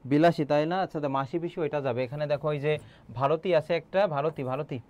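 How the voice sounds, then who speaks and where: A man's voice: fairly high pitch, a little fast, a little mellow, highs cut off. A young man teaching an online exam-prep class, quizzing students and repeating key answers, with frequent filler sounds.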